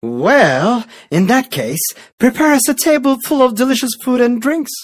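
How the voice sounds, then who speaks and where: A woman's voice: on the high side, expressive, moderate pace, no room sound, studio quality. A woman voicing a young boy hero who is earnest and easily frightened in a storybook reading. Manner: pleading, earnest. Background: background music.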